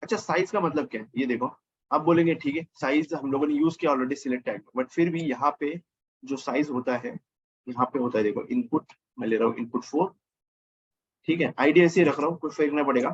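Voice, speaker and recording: A man's voice: mid-range voice, fairly quick, slightly rough, lo-fi sound. A man teaching a casual coding lesson over his screen, thinking aloud and correcting himself as he goes. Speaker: programming teacher.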